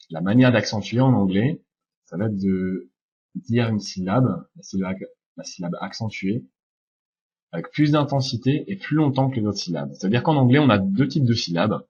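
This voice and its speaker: A man teaching English pronunciation in French, explaining over slides calmly, with frequent hesitations, slowing down to demonstrate sounds. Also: on the low side, husky, dull audio. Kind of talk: slide-based lesson narration.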